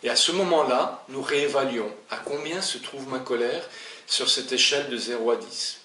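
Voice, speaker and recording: A man teaches slowly and patiently, pausing to show each step and repeating the same phrases. His voice is bright and carries a clear room echo, as if he is standing some way from the microphone. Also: mid-range voice, distant mic. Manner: calm, explanatory, demonstrates tapping with repeated phrases. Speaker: EFT instructor. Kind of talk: demonstration lesson.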